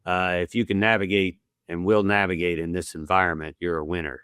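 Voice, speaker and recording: Deep-voiced man hosting a podcast. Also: level tone, brisk, a bit bright, clear, resonant tone, dry recording, studio quality. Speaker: podcast host. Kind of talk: conversational podcast interview.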